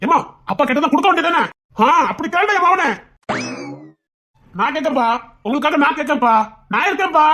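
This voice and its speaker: A woman's voice: high voice, expressive, a little fast, pauses often, pushed and bright, voice pushed up. Woman putting on a pleading little boy. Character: young son taking his father's side. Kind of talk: family comedy skit.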